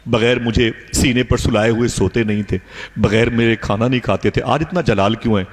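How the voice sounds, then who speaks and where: A man's voice: mid-range voice, fairly even intonation, close to an everyday voice. A man voicing a small girl pleading with her father, in his own voice, with hall echo. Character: pleading little girl, two and a half. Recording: echoey hall reverb.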